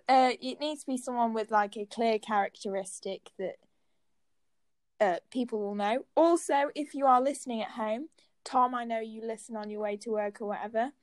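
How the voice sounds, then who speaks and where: Playful high-voiced woman host. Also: no room sound. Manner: playful, laughs often, teasing. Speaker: podcast host. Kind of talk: casual chat.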